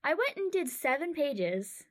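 A woman co-hosting a podcast chats casually in an animated, playful way. Her voice sits a little high. She talks with a quick, joking energy. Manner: animated, playful, laughing often. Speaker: podcast co-host. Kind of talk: casual chat.

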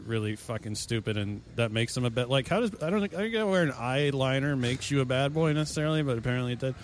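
A man's voice: mid-range voice, animated, fast talker, a little hiss or hum. A man co-hosting a casual comedic chat, with a blunt, wry and profane manner. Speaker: podcast co-host.

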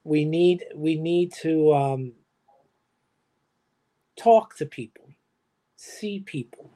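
An older man, a guest on a livestream, speaking in a halting way with many fillers. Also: fairly high pitch, dark tone. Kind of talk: conversational livestream talk.

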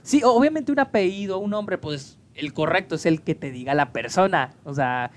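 A young Mexican man with a Mexican accent, co-hosting a casual podcast chat and telling stories in an animated way with many restarts. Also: high-pitched, normal speed. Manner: chatty, animated storytelling with restarts. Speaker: podcast co-host.

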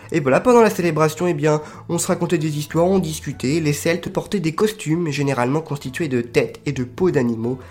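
A man explaining history in a casual, chatty way, full of fillers and quick self-corrections. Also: a little high, darkish tone.

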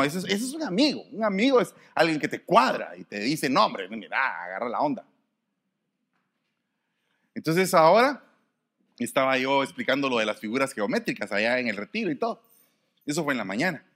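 A man preaching a sermon, swinging from soft, quiet passages to sudden shouts. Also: mid-range voice.

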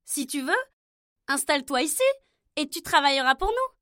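A woman's voice: high voice, very animated, normal speed, pushed and bright, dry recording, studio quality, pitched above the performer's own voice, heavily acted. A woman voicing three cheerful, welcoming young princesses in a storybook reading.

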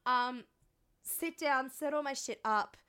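An Australian woman co-hosting a podcast, hoarse and congested with a cold, telling frank, sweary, self-mocking anecdotes in casual chat. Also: sits high, takes it slowly, bright, forceful tone. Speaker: podcast co-host.

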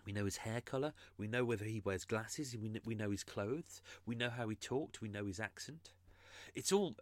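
A man's voice: on the low side, normal speed, dry recording. A man hosting a true crime podcast, explaining his research in an earnest, casual monologue.

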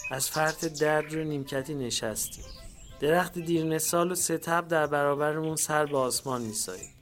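A man with a fairly high voice reads a literary memoir aloud in a measured, unhurried way. A soft bed of music plays quietly under his narration. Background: faint background music.

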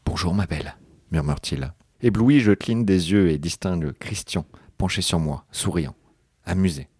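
A man's voice: low voice, moderate pace, a little mellow, breathy edge, no echo, studio quality. A man co-hosting a podcast, reading a novel aloud in a joking, mock-dramatic way with banter. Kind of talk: comic book reading with banter.

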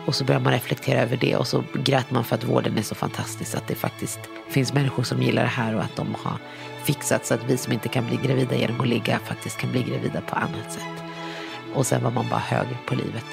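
Woman, 30s, gravelly voice, frank personal storytelling over background music, acts out dialogue. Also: rumbling low, fairly even intonation. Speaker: guest telling her own story. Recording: music playing underneath.

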